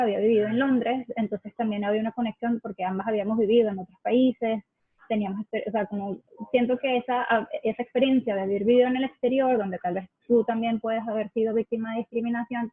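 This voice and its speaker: Husky woman on a call. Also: fairly high pitch, no echo. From Venezuela. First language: Spanish. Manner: thoughtful, hesitant, searching for words. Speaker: guest sharing immigrant experience. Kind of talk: casual video chat. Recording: tinny dry call audio.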